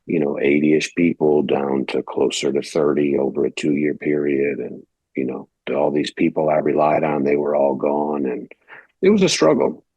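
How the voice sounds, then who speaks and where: A man's voice: rumbling low, moderate pace, mellow, breathy edge, dry recording. A male pastor from Detroit, Michigan, telling his story in a casual, rambling interview and acting out the lines of other people. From United States (Detroit, Michigan). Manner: conversational, rambling, acts out quoted dialogue.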